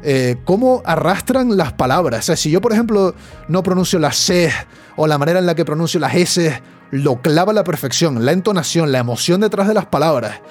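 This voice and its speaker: Podcast host: young Spanish man, Spain Spanish accent, slangy and animated, with a voice a bit on the high side. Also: fairly quick, soft background music. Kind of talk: casual news chat.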